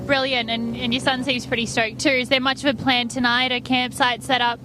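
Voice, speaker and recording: A woman reports live from beside a race track, interviewing competitors. Her voice is high, with clear vehicle noise around her outdoors. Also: level tone, fairly quick. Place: outdoors at a race start-finish line.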